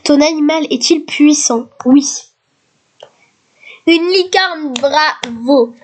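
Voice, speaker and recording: A woman with a high voice and a slightly hoarse throat. She talks slowly and reads each quiz question aloud, then answers in an easy, chatty way, like a video creator playing a game for her viewers. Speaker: youtuber. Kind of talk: casual gaming commentary.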